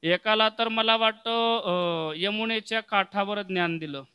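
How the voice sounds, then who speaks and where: Bright high-voiced male kirtan preacher. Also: a little slow, clean tone, dry recording. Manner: storytelling sermon broken by sung verses; addresses the audience directly with asides.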